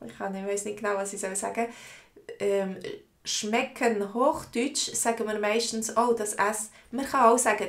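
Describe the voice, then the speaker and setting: Slow-spoken Swiss woman teaching. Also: mid-range voice, echoey room. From Switzerland. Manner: slow, explanatory, repeats words for learners. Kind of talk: live online language lesson, reading viewer comments.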